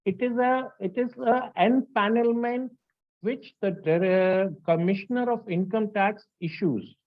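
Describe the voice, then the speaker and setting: A man's voice: high voice, a little slow. Male lecturer, North Indian accent, insistent and explanatory, repeats himself; dull, muffled recording. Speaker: lecturer, registered valuer. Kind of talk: explanatory lecture with audience questions.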